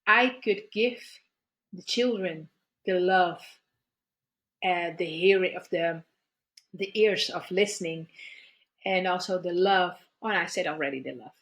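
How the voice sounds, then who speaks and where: With a lowish voice, a middle-aged guest therapist recounts her own story conversationally, halting and repeating words as she feels her way toward what she means.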